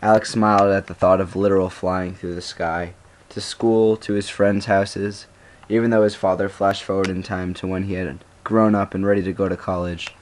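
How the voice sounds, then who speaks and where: A male student reading his own story aloud, unhurried, with occasional stumbles and restarts. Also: sits low, level tone, slight background noise. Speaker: student reader.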